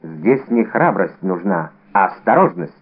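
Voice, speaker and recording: A man's voice: low-pitched, sing-song, a little slow, slightly rough, voice pushed down, heavily acted. A man reading an audiobook, voicing a bold, cunning young musketeer with a brash, theatrical manner, in a narrow, phone-like recording. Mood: scheming.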